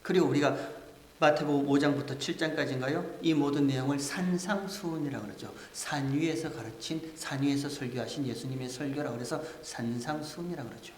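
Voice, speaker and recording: A man preaching a sermon as pastor, asking the congregation rhetorical questions and building to loud, emphatic preaching. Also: medium pitch, a little fast, slight background noise. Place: church sanctuary. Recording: echoey church hall with long reverb.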